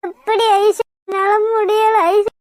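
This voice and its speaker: A woman's voice: extremely high pitch, flat delivery, a little slow, a little mellow, no echo. A woman voicing a heartbroken young woman who is crying. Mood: tearful.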